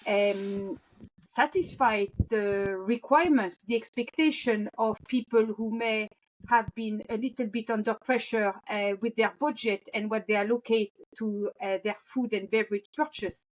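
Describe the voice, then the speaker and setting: A woman food scientist speaking from Europe as a podcast guest, answering in a measured, thoughtful way with frequent pauses. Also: fairly high pitch, steady tone, poor audio. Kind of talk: interview answers.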